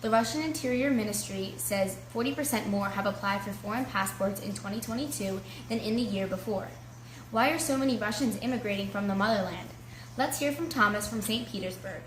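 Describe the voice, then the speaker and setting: A woman's voice: medium pitch, fairly bright tone. Echoey-sounding woman reporter reading news. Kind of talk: scripted news report and interview. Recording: echoey room with faint noise.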